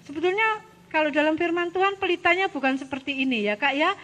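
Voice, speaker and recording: A woman gives an animated, coaxing children's sermon as a Sunday school teacher. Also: high-pitched, fast talker. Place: church hall. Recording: church hall reverb.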